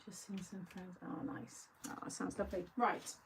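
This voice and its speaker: Chatty woman with a gravelly voice. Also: on the low side, flat delivery, moderate pace, very noisy. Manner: chatty, reads viewer comments aloud and answers them. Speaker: craft show host. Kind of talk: casual live craft-along chat.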